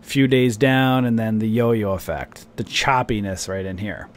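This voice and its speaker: A stock trading streamer rambles casually through charts for his viewers, full of fillers like "you know" and "right". His fairly low voice sounds a little off today and moves a little slowly, and he coughs and clears his throat now and then.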